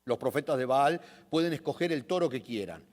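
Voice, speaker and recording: A man preaching a sermon, retelling a scripture story dramatically, swinging between loud emphasis and hushed asides. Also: mid-range voice, animated, brisk, in a large hall. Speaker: pastor. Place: church sanctuary.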